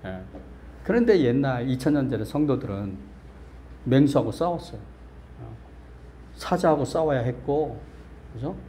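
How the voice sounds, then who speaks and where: A man's voice: mid-range voice, expressive, normal speed, long pauses, dark tone, slight background noise. A male pastor preaching a sermon in a small church, quizzing the congregation and joking with them, then building to emphatic, insistent peaks. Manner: asks the congregation questions and jokes with them.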